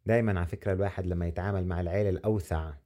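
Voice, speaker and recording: A woman hosting an interview, asking brief, gentle follow-up questions. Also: very deep voice, fairly even intonation, racing. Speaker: interview host. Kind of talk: conversational interview.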